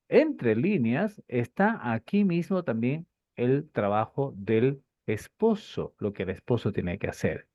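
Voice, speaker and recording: A man teaching a Bible class, lively and rhetorical, with lots of repeated phrases and questions to his students. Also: mid-range voice, dry recording. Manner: animated, rhetorical questions and repetition. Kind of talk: class lecture. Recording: dull lo-fi dry recording.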